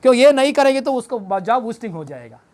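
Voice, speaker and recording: A pastor preaching a Good Friday sermon, questioning the congregation and repeating phrases for emphasis. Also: male voice, extremely high pitch, big pitch swings, fast, a little mellow. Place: church service.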